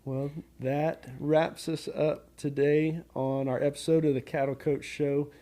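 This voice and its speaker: A man's voice: a little high, flat delivery, unhurried, mellow. A man hosting a podcast, telling stories in casual conversation. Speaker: podcast host. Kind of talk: casual storytelling. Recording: clear background ambient noise.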